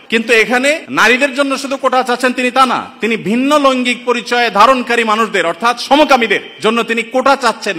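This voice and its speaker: Indignant high-voiced preacher in reverberant hall. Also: male voice, sharp tone. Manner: rhetorical, indignant, addresses listeners as brothers. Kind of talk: impassioned sermon-style commentary. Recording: long reverberant hall sound.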